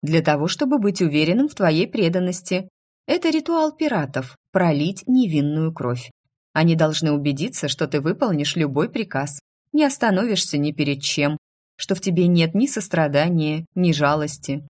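Storybook role: a wry, low-voiced history teacher woman, read by a female narrator. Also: animated, normal speed, a little mellow. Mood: stern.

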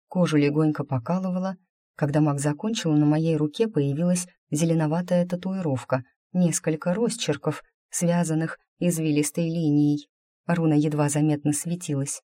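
A woman reading a first-person fantasy novel aloud, in a wry, even storytelling manner. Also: sits low, dry recording, studio quality. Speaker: audiobook narrator.

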